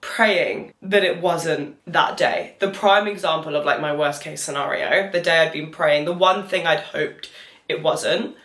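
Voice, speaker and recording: This young British woman talks to camera a little slowly in a low, slightly bright voice, rambling candidly about her experience with "like" sprinkled throughout. She's a vlogger, and the room gives an echo.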